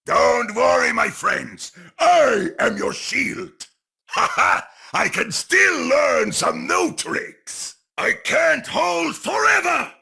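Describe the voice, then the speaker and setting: A hearty old knight in a video game. He booms out each line slowly in a very raspy voice with huge swings of pitch. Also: very animated, full character voice. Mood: jovial bravado. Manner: booming, shouted delivery. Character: hearty, booming old male armored knight. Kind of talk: video game character voice lines.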